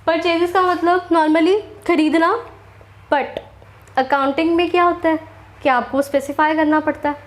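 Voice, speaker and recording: A young woman with an Indian accent gives an accounting lesson in a high, clear voice. She poses questions to her students and then answers them. Her explanations are slow and deliberate. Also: steady tone. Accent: Indian English. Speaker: accounting teacher. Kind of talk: classroom lecture.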